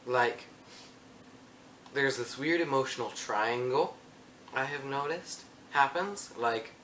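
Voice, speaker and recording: A man's voice: medium pitch, takes it slowly, fairly bright tone, recorded from a distance, a little hiss or hum. A young man hosting a casual vlog at home, rambling and playful, often breaking off mid-thought. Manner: rambling, self-interrupting, playful. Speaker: vlogger. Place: room at home. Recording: roomy echo, mic set back.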